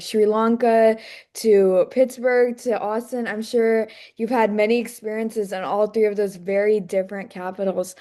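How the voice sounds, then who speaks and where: Woman podcast host, upbeat and welcoming, mid pitch, mellow timbre. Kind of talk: scripted podcast introduction.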